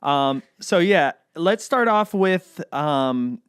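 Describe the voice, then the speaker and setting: A man hosting a podcast, talking in a relaxed, chatty way with frequent ums. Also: a little high, takes it slowly, clear, resonant tone, no echo. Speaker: podcast host. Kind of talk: casual podcast chat.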